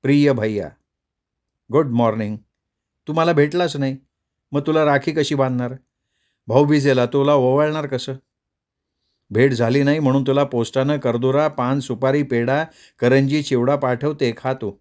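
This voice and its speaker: A man's voice: mid-range voice, fairly even intonation, normal speed, pauses often, a little mellow, natural voice. A man reading as a bossy, loving village sister. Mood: fond. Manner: fond, bossy, rustic speech. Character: affectionate village girl writing to her brother.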